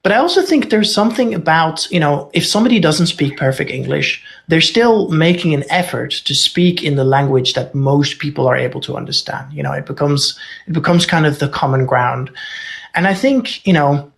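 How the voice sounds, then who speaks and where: Raised in Norway with Dutch as his native tongue, a man speaks English as a guest expert in a relaxed conversational interview, candid, thinking aloud, and wryly aside. His voice is a little high, expressive, creaky, and a bit bright, at a moderate pace.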